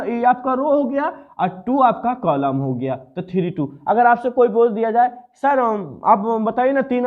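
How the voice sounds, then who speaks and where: Male coaching tutor, Bihari Hindi accent, raised pitch, drills steps over and over, lo-fi phone-quality audio. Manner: repetitive, quizzes the viewer, explains step by step. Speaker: math tutor. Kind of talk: classroom lecture.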